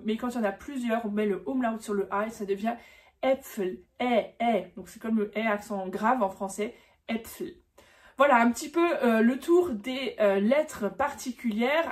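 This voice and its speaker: A woman giving a casual pronunciation lesson, demonstrating sounds slowly and repeating words with frequent fillers. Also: a little high. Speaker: German teacher.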